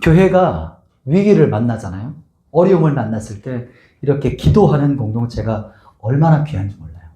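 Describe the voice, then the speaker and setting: Animated yet mellow, this medium-pitched pastor speaks at a normal pace through an expository sermon, recorded in an echoey church sanctuary. He keeps asking his congregation rhetorical questions, has them read scripture aloud with him, and voices the characters as he acts out the scene.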